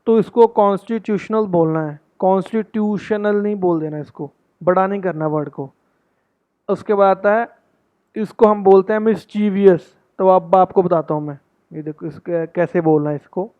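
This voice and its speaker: Man teaching pronunciation, tinny audio. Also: high-pitched. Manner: slowly reads English passages aloud, repeats words for practice. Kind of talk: casual Hindi-English lesson.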